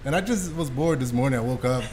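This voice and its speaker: A male podcast host with a medium-pitched, darkish voice talks quickly, asking questions in a slangy, informal way and swearing casually. It's a casual interview chat, with clear background noise.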